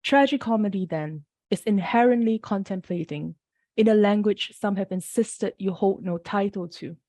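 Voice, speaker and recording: Reading her poems aloud, a Singaporean poet gives each a brief introduction, her pace slow and measured. She speaks Mandarin as a first language, and her mellow, mid-range voice sounds slightly rough from the early hour. The recording is dry.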